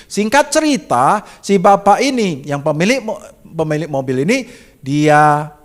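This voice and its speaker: Indonesian pastor, middle-aged man, high voice, story-driven sermon with big dynamic swings. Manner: dramatic swings from soft to loud and high; addresses congregation as "saudaraku".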